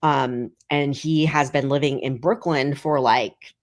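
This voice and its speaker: Woman, 30s, low voice, rambling casual chat, filler-heavy. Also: fairly even intonation, a little slow. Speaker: guest comedian.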